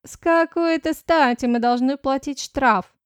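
A woman's voice: high voice, measured pace, dry recording, studio quality, pitched above the performer's own voice. Haughty condescending stepmother, as a woman narrator puts her on. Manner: condescending, lecturing.

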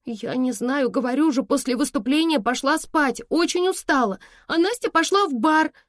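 A panicked teenage girl in a storybook reading, her voice pitched high and thin as she sobs and pleads, put on by a woman. The sound is dry and close. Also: a little slow, a little mellow, no echo. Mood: shaken. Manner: crying, pleading, breathless.

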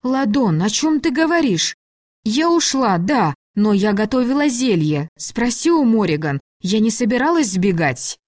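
A woman's voice: mid-range voice, animated, moderate pace, a little mellow, no echo, studio quality, close to an everyday voice. A woman voicing a frightened young female captive, anxious and pleading.

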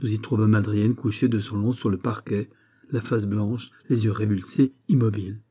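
A man reading a nineteenth-century short story aloud in a measured, steady narrating manner. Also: fairly low pitch, husky. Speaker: audiobook reader. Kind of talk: literary audiobook narration.

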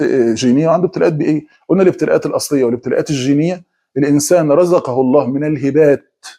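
A middle-aged man with an Egyptian accent giving a conversational religious talk, slipping into quick mock voices of people making excuses. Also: fairly high pitch, mellow, husky. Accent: Egyptian Arabic. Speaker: preacher.

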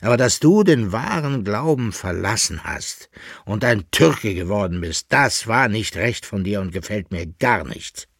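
Quarrelsome old gardener, read by a man; husky, close and dry. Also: on the low side, expressive, a little slow, fairly bright tone, no echo, heavily acted. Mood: grumbling. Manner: grumbling, scolding.

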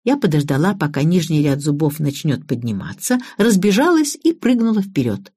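A woman narrating an audiobook in the first person, with lively storytelling. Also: deep voice, normal speed, slightly rough, no room sound, clean studio sound.

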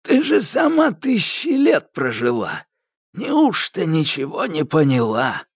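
A man voicing a smug, immortal old sorcerer with a creaky voice in an audiobook. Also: on the high side, huge pitch swings, a little slow, no echo, clean studio sound, pitched above the performer's own voice, exaggerated voice. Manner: scornful, superior, drawling. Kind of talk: audiobook character voice.

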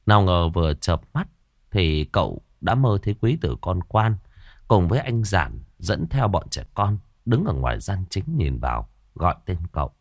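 A man narrating a ghost story as a storyteller, slow and expressive. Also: sits low, dry recording, clean studio sound.

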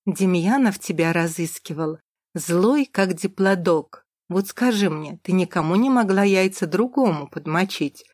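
A woman's voice: fairly low pitch, animated, a little mellow, no room sound. Woman voicing coarse frantic woman boss, hissed urgent lines, dry close mic. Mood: scolding. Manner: hissing hurried whisper, coarse. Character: brash woman boss, panicky and crude.

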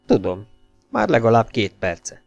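A calm, shrewd detective, read by a man who states grim facts plainly and without fuss. The voice has a gravelly edge and sounds close and dry. Faint music sits under it. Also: lowish voice, dry recording, highs cut off. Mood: matter-of-fact. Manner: dry, matter-of-fact delivery. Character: calm shrewd male detective, matter-of-fact.

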